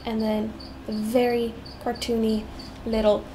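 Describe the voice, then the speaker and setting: A young South African digital artist talks to herself while drawing on a live stream, humming and drifting chattily between thoughts. She speaks a little slowly at a fairly high pitch, in English that blends British and American-tinged tones. Crickets and steady noise fill the background.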